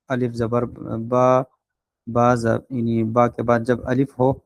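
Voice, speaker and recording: A man in a plain middle register gives an online recitation lesson in a close, dry recording with no room echo. He explains patiently and stretches his filler sounds as he thinks. He sounds out each vowel slowly and deliberately to model it. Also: medium pitch, darkish tone. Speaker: Quran recitation teacher. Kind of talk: online class lecture.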